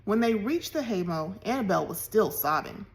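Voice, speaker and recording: A woman reading a children's novel chapter aloud in an expressive storytelling way. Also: mid-range voice, normal speed, soft background music. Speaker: reader.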